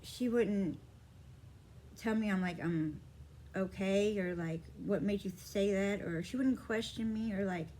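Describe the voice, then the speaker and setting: A woman's voice: mid-range voice, a little slow, dark tone, slight background noise, poor audio. A woman vlogging casually, telling a story from her childhood with many fillers and acting out the dialogue. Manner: rambling, many fillers, acts out quoted dialogue. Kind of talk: casual personal storytelling to camera.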